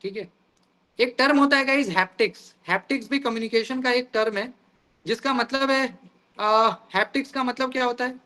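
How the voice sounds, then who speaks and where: A man's voice: extremely high pitch, moderate pace, bright, forceful tone. A man teaching an online exam-prep class over a video call, explaining terms through everyday examples and often calling the students "guys".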